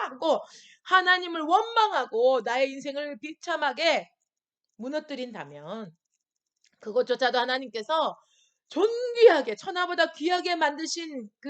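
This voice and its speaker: A woman pastor preaching a sermon to a youth service. She often asks her listeners questions and acts out short quoted voices. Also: sits high. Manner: acts out voices of people and God in quoted asides. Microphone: screen-recorded stream.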